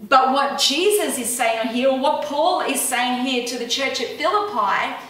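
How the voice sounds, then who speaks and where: Female co-preacher, earnest scripture reading, higher voice, distant echoey sound. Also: lively intonation, unhurried, fairly bright tone. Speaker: pastor's wife co-preaching. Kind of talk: sermon. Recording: echoey room, voice from far off.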